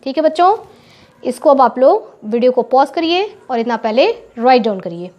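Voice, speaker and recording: Woman teacher, high voice, patient lesson delivery; dull lo-fi recording. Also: big pitch swings, darkish tone. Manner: explains in Hindi, says English phrases slowly and clearly. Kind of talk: spoken English lesson for children.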